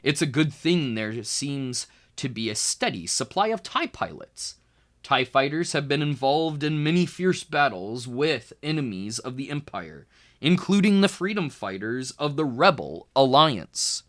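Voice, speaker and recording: This is a man reading a children's story in a tutor's voice, pitched at a medium level. His educational delivery is expressive and measured, with emphasis placed on key words.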